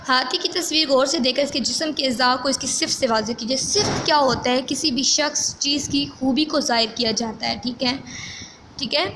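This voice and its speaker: A woman teacher from Pakistan reading a textbook lesson slowly, then re-explaining each point and checking in with her students. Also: sits high, noisy background.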